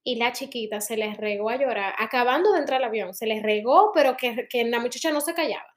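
High, rapid woman. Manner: lively, dramatic anecdotes, frequent affirmations. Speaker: podcast co-host, mother. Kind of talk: casual chat.

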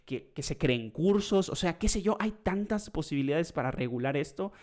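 A man's voice: fairly high pitch, expressive, moderate pace, darkish tone. A young man hosting a podcast, chatting casually and rambling with many fillers and asides. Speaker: podcast host.

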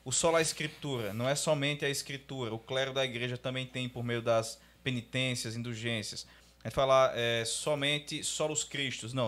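A man giving a measured, lecture-like explanation in a casual panel discussion. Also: mid-range voice, fairly bright tone. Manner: measured, lecturing on church history.

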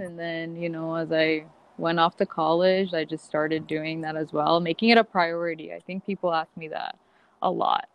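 Soft-voiced young woman from Colombia. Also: lowish voice, clear, resonant tone, no room sound, dull audio. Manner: relaxed, laughs easily, many fillers. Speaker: guest. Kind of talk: casual interview.

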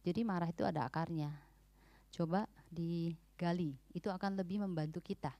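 A woman's voice: fairly low pitch, normal speed, dark tone, no room sound. A woman giving an informal, emphatic church talk on parenting, often mixing English words into her speech.

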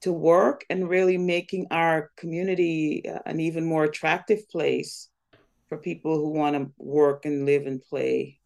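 A woman's voice: sits low, level tone, measured pace, gravelly, a little mellow. A woman from Guyana, a community foundation CEO, talking earnestly as an interview guest. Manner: earnest, speaks of blessing and collaboration.

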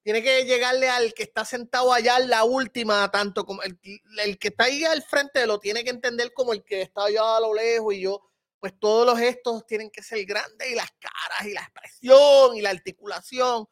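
Puerto Rican man, high voice, dry close mic, casual podcast guest, hedges, mixes in English. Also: steady tone, fairly quick, fairly bright tone, no echo. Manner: thoughtful, hedging, mixes English words into Spanish. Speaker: podcast guest, comedian and film critic. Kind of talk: casual conversation.

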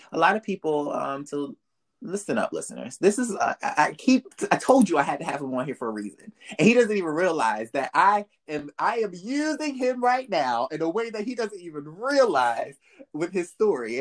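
A podcast host giving uplifting, faith-tinged encouragement in casual slang, speaking straight to the listeners. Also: medium pitch. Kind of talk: motivational interview talk.

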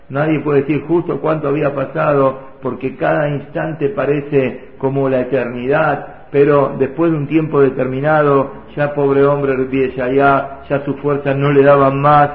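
A man with a Rioplatense Spanish accent, a rabbi telling a sermon story in an emotional, sing-song, repetitive way. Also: medium pitch. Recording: echoey, tinny phone-like audio.

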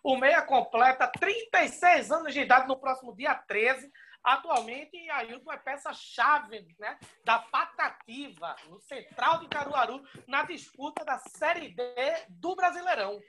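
Female co-host for a football history show, high and bright voice, conversational presenting. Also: expressive, a little slow, a little hiss or hum. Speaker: podcast co-host. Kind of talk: sports history talk.

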